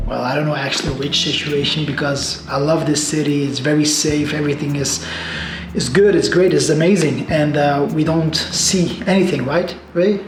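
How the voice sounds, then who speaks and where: A relaxed man rambling to camera in an echoey room. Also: on the high side. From Netherlands. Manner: relaxed, rambling, loose non-native phrasing. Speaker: entrepreneur vlogger. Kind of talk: casual vlog talk to camera. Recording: echoey room with music behind.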